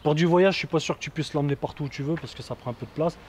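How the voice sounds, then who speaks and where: Faint traffic hums in this outdoor street-side clip, where a man talks through a gear review in loose, slangy chatter full of verbal tags. He speaks very fast, with a slightly high and somewhat mellow voice, as a video creator.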